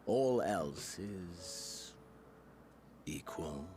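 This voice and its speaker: A man playing a bored, nihilistic villain lord in a video game, speaking with slow theatrical menace and brooding weight. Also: sits low, lively intonation, over music, heavily acted. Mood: bored disdain. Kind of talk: dramatic video game voice acting.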